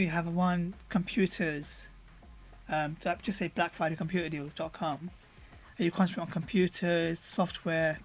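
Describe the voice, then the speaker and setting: Over a screen recording, a man walks through a software demo as a product reviewer, his voice hoarse and fairly high. His manner is relaxed and chatty, full of ums and uhs as he works through every menu.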